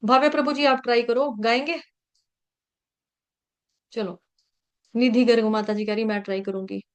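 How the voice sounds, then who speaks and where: A woman's voice: a little high, fairly even intonation, moderate pace, smooth. Patient woman teaching verses syllable by syllable. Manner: patient, breaks words syllable by syllable. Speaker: online Sanskrit verse teacher. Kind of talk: online class teaching verse recitation. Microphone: video call.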